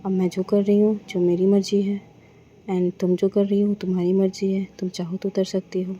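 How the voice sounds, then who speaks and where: A woman's voice: mid-range voice, flat delivery, moderate pace, warm tone, breathy edge, close to an everyday voice. A woman voicing a teasing, stubborn young woman. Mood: insistent. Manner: teasing, insistent. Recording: dull lo-fi with faint noise.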